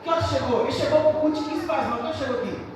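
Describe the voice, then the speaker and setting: Brief: Brazilian woman preacher, very high voice, emphatic and repetitive, distant mic in a reverberant hall. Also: rapid-fire. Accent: Brazilian Portuguese. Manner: emphatic, repetitive, rhetorical questions to the congregation. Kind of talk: sermon. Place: church hall. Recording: echoey church hall, distant mic, faint noise.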